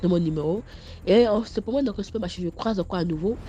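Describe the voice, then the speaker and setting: A woman's voice: on the low side, fast talker, a little hiss or hum. Stammering Ivorian woman telling her story. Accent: Ivorian French. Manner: stammering, repeats words; animated, scolding. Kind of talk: casual spoken testimony.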